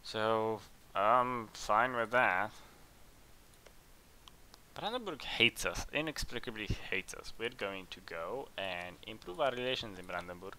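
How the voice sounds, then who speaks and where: Deep, bright-toned man commentating a game. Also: a little slow. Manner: chatty, thinks aloud, gets excited in tense moments. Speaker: let's play host.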